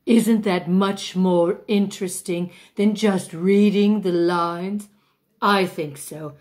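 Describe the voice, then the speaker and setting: Her voice is medium in pitch, steady, slow, a little mellow and natural as she portrays a conceited older actress, a pompous female stage diva. Leading a mock acting masterclass, she drawls in a grand, self-important way, grandiose throughout this comic monologue.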